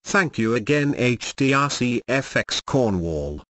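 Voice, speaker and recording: A synthetic male text-to-speech voice narrating a video channel, reading in an even, stiff way with odd pauses. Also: mid-range voice, no echo. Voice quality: synthetic robotic voice.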